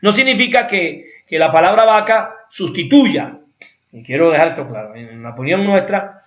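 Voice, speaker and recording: A man lectures in an explanatory way, often checking in with his listeners. His voice sits fairly high. The recording is roomy and somewhat muffled. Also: expressive, moderate pace. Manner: explanatory, with rhetorical asides and acted examples. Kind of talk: academic lecture. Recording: echoey room, dull lo-fi sound.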